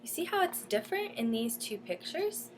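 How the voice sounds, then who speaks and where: Reading a children's picture book aloud like a teacher, a woman with a fairly high voice pauses the story to explain things and ask young listeners questions. Her pitch swings widely at normal speed, with faint noise in the background.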